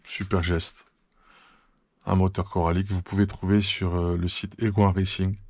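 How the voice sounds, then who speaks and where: A man's voice: low voice, flat delivery, moderate pace, darkish tone, no echo. A man hosting a hobby channel, chatting through an unboxing, thankful and full of fillers and restarts. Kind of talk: casual unboxing chat.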